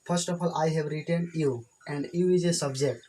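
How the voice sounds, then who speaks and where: A man from India, a native Hindi speaker with an Indian accent, teaches English grammar at a whiteboard, restating his points simply again and again. His fairly high, mellow voice holds a steady tone at a moderate pace, though the recording is low quality.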